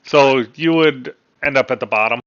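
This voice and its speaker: A man's voice: medium pitch, normal speed, fairly bright tone, no echo, dull audio. A man running a tabletop game as dungeon master over voice chat, patiently laying out rules and describing the scene.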